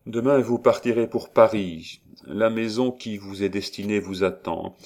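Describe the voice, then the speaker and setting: A man's voice: fairly low pitch, measured pace. A man voicing a dignified noble father who speaks earnestly and with emotion, in a storybook reading. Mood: solemn, tender. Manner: earnest, gently solemn.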